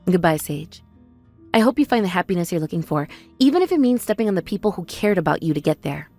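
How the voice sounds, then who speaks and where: An actress playing a hurt, loyal young sister in a family drama, speaking in an earnest, emphatic way. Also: female voice, fairly high pitch, big pitch swings, a little fast, darkish tone, faint music behind. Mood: resigned. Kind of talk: dramatized family-conflict story dialogue.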